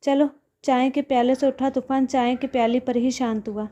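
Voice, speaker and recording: A woman tells a scripted family story, speaking every character's lines in her own voice. Her voice sits high but sounds mellow and soft-edged. The recording is a little dull and lo-fi. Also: fairly even intonation, moderate pace.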